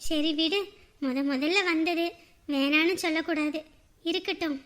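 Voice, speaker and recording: A woman's voice: very high voice, normal speed, fairly bright tone, long reverb tail. A woman playing a caring, forgiving middle-aged mother-in-law, in a family drama. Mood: motherly. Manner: fond, soothing, motherly.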